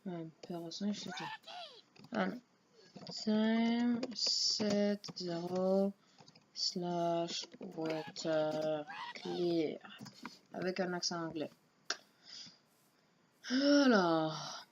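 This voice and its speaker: Casual gamer woman, slow offhand running commentary, dull lo-fi home mic. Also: mid-range voice, noisy background. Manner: muttering to herself, unhurried and offhand. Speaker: let's play gamer.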